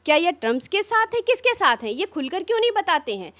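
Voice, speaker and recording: A woman's voice: very high voice, big pitch swings, fairly bright tone. A woman politician giving an impassioned interview, firing rhetorical questions one after another. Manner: fiery, rapid rhetorical questions. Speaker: opposition politician.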